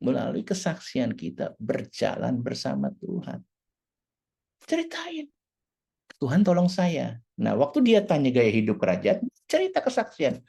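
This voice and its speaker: Low, gravelly woman teaching a church class. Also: moderate pace. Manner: animated, acts out quoted dialogue; mixes English words into her talk.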